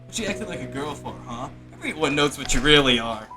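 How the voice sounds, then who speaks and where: A man's voice: mid-range voice, expressive, quick pace, close to an everyday voice. A man doing a sneering village bully. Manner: sneering and menacing. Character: fat cruel village bully boy. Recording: background music under the voice.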